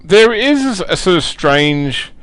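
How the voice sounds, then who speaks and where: A man's voice: high-pitched, very animated, takes it slowly, a bit bright, smooth, no room sound. A man narrating as game master of a tabletop game, describing scenes in a hesitant way with many fillers.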